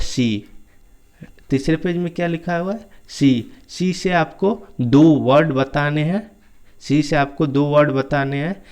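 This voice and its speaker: A man teaching a recorded lesson, who spells words letter by letter and keeps asking and answering his own questions. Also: a little high. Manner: slow, repetitive call-and-response questioning, spelling letter by letter. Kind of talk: recorded lesson over slides.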